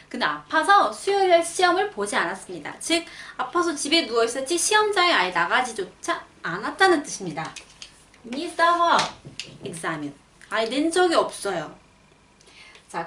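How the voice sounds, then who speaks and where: A young woman explains a language lesson with a high, lively voice. She reads example sentences slowly and clearly. The sound is roomy and set back from the mic. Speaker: language teacher. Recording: roomy, a bit far from the mic.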